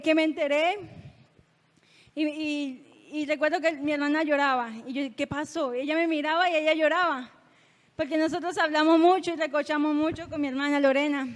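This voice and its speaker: A young woman giving an earnest, halting personal testimony in a church, often restarting her words as emotion builds. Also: sits high. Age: young adult. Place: church sanctuary. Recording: long reverb of a church hall.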